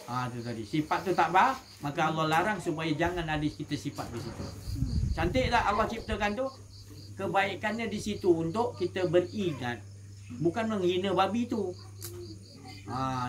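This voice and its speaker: A man's voice: high-pitched, a bit bright, a little hiss or hum. A man with a Malaysian Malay accent giving an informal religious talk to a gathering, colloquial and asking the listeners questions. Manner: colloquial, asks the audience questions. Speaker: religious teacher.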